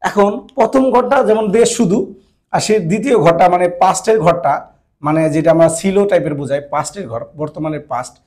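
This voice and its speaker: A man's voice: high voice, a little fast, darkish tone. A man teaching a grammar lesson, repeating each point and often checking that his listeners follow. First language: Bengali. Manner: repetitive, checks understanding often. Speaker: Japanese language teacher. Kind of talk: classroom-style grammar lesson.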